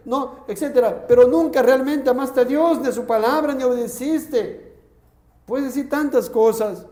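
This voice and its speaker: A man from Peru preaching a sermon as pastor, moving between quiet solemn lines and raised, pleading exhortation. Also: extremely high pitch. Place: church hall. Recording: echoey church room.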